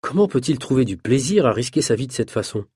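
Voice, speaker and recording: A man's voice: medium pitch, big pitch swings, fast, mellow, slightly rough, dry recording, studio quality. A man voicing a worried young female companion, anxious and disapproving, in a read-aloud story.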